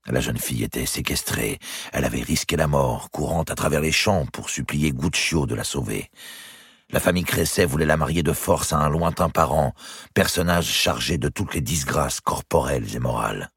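A man reading a historical novel aloud as audiobook narrator, measured and expressive. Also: rumbling low, husky, no echo, clean studio sound. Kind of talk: storybook narration.

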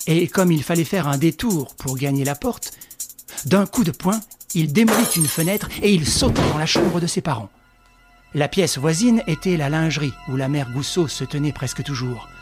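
A man narrating an audiobook in a measured, even storytelling manner. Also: on the high side. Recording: dry close recording with faint music.

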